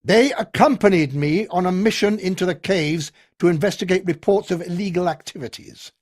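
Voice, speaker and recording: This man plays a commanding colonel, stern and worn out, barking clipped orders above a crowd. He speaks at normal speed in a high, darkish voice set above his own natural pitch.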